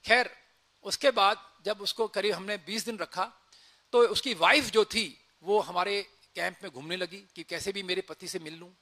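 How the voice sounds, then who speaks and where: A man's voice: high-pitched, moderate pace. A former army officer telling a story from his service, acting out the dialogue as he goes. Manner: acts out dialogue in lively retelling. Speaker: army officer sharing experience. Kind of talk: storytelling talk.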